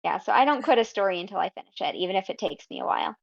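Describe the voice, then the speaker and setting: A woman guest on a podcast, talking casually about her writing in an unhurried, thoughtful way with frequent ums. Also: medium pitch, animated, vocal fry. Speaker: guest fanfiction writer. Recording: slightly dull lo-fi audio.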